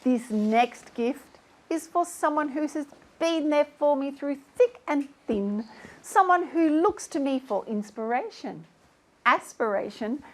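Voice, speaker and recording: A vain, self-adoring talk-show host, as a woman acts her out, with a high, sugary voice that drags out each phrase. She gushes and pities herself in a grand, theatrical way for comic effect. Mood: grandiose. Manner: theatrical, syrupy and self-pitying. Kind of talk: comic sketch acting.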